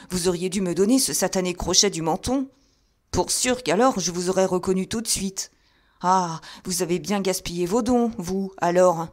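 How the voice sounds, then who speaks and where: A woman voicing a stocky male doorkeeper, a former boxer, who speaks bluntly and firmly in a lower voice, raised loud. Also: close to an everyday voice. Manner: blunt, stubborn, then hearty.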